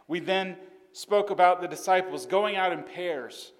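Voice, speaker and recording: A man's voice: sits high, measured pace. An earnest male pastor with a slightly raised voice, telling a story from the pulpit. His words carry a long reverb, as from a big church hall. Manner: earnest storytelling, occasional restarts. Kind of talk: sermon.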